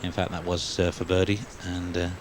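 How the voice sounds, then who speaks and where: A man's voice: deep voice, completely flat delivery, a little fast, noisy background. A man working as a golf commentator, calling a tournament live.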